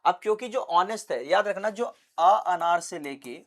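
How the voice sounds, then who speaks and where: A man's voice: high voice, animated, moderate pace, fairly bright tone. A young man teaching English basics with a Hindi accent, asking questions and answering them himself. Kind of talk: classroom lesson.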